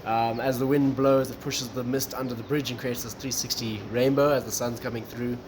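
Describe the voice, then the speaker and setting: A man from Malawi, a guest talking casually about his tourism business, relaxed and saying "um" and "look" a lot. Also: medium pitch, fairly quick. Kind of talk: casual interview talk. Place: coffee shop. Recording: noisy coffee shop background.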